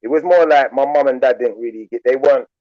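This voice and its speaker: An Englishman, a guest on a panel, talks quickly and loosely in a casual group chat, peppering his rambling speech with "like" and "you know." His medium-pitched voice sounds laid-back, and the recording is dry and dull.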